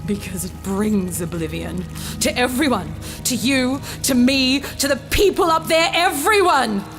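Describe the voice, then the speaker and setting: An actress in a full-cast fantasy audio drama plays a bitter, vengeful female rebel leader, theatrical, taunting, sardonic and menacing. Her high, animated voice moves at an unhurried pace over background music.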